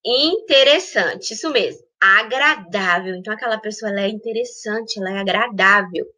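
A woman teacher with a Brazilian Portuguese accent, going through a recorded school lesson, drawing out each word slowly and often checking in with the students. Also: medium pitch, pushed and bright. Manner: slow, drawn-out spelling of words with frequent check-ins.

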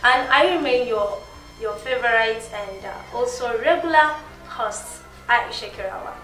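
A woman's voice: fairly high pitch, measured pace, pushed and bright, reverberant, far from the mic, poor audio. A woman hosting a TV discussion program, thanking guests and moving the talk along. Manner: brief affirming interjections. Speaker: host. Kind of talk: panel discussion.

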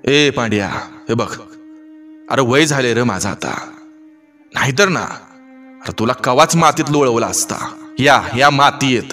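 A man doing a gruff aging village headman. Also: medium pitch, a little slow, bright, forceful tone, soft background music. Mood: gruff warning. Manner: gruff, threatening.

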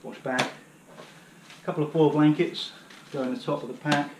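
A slightly high male voice with fairly even intonation takes its time: a British vlogger in his thirties casually showing hiking gear from his living room floor, rambling and using lots of fillers. The floor camera, a few metres away, records echo and background noise.

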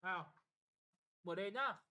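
Young man, classroom exam tutor; brisk, blunt, keeps checking if students follow. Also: high voice, sharp tone, rough recording. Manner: brisk and bossy, often checking "got it?". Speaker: English tutor.

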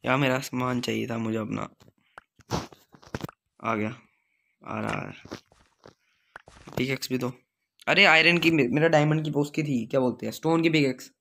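A man chatting excitedly with viewers while streaming a game live. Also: mid-range voice, normal speed, gravelly, pauses often, a little hiss or hum. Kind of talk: live gameplay stream chat.

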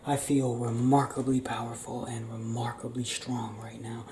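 Playing a tender, restless young werewolf who opens up to his partner, a young man delivers an intimate ASMR roleplay in a hushed, halting, often whispered monotone at medium pitch. It was recorded in a small indoor room with roomy echo and clear background noise.

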